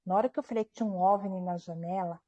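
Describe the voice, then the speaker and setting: A woman author tells a personal story during an interview at home, animatedly acting out what people said and often checking in with her listener through tag questions. Her voice is lowish and she talks fast, and the audio is dull.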